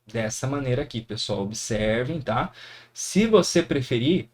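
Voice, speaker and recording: A man's voice: medium pitch, expressive, unhurried. Encouraging Brazilian teacher man. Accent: Brazilian Portuguese. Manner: encouraging, frequent tag questions. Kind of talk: classroom lesson explaining grammar.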